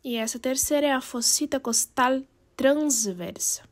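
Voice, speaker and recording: A woman's voice: high voice, a little slow. A woman with a Brazilian Portuguese accent giving an informal step-by-step lesson, repeating points and mixing Spanish terms into her Portuguese. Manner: didactic, repeats and recaps step by step. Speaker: anatomy teacher. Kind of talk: informal narrated anatomy lesson.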